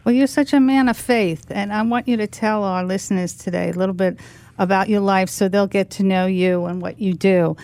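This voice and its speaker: A woman's voice: medium pitch, steady tone, moderate pace, a little mellow. A woman hosting a radio interview, who asks friendly, leading questions. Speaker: radio show host.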